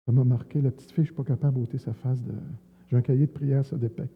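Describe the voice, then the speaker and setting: A man's voice: mid-range voice, steady tone, racing, vocal fry, breathy edge. A man with a Quebec French accent telling colloquial stories as a church testimony, recorded tinny with a long church echo. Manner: colloquial storytelling, many fillers. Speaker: evangelist giving testimony. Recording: tinny sound, long hall reverb.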